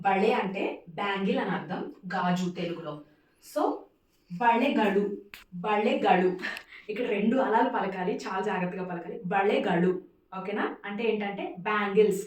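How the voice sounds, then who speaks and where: A woman teaching a casual spoken language lesson, repeating words slowly for pronunciation and mixing in English phrases. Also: mid-range voice. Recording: echoey room, distant mic.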